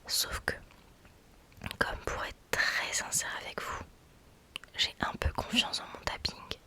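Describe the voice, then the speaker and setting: A woman whispering casual ASMR chat very close to the mic, right in the listener's ear, in an informal, excitable, self-deprecating way. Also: slow pace. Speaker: ASMR content creator. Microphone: close budget USB microphone with pop filter.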